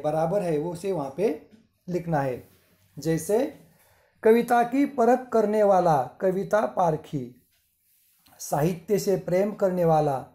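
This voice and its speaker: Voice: medium pitch, mellow, echoey room. A school teacher giving a recorded Hindi grammar lesson, reading word lists aloud one by one and adding short English glosses. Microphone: screen-recording voice-over.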